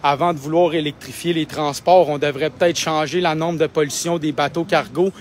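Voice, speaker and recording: Young man, Québécois accent, high-pitched, indignant, argumentative, phone livestream outdoors. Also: fairly even intonation, brisk, a little hiss or hum. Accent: Québécois French. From Quebec. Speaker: independent livestreamer. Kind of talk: live street vlog. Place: outdoors outside a building.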